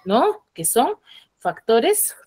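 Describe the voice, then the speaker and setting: A woman teacher from the highlands, giving an online class and checking in with her students through frequent tag questions. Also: sing-song, drawn-out words, a little mellow, husky. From Peruvian highlands.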